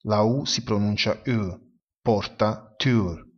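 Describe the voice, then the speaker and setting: A man teaching pronunciation in an unhurried, deliberate way, pausing to sound out each word. His voice sits low and a little husky. The recording is dull and lo-fi. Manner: spells out words slowly and deliberately. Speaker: language teacher. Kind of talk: slow explanatory lesson.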